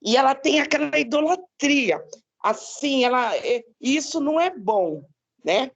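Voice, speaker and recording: High, lively woman sharing a testimony. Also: a little slow, muffled recording. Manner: conversational, frequent tag questions. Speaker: class participant. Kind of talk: sharing a personal testimony in a Bible class.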